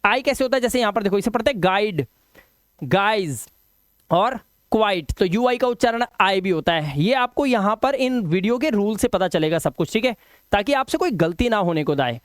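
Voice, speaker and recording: A man's voice: sits high, animated, normal speed, no room sound, studio quality. A man teaching English pronunciation rules in a lesson. He asks himself questions and answers them, then drills the words.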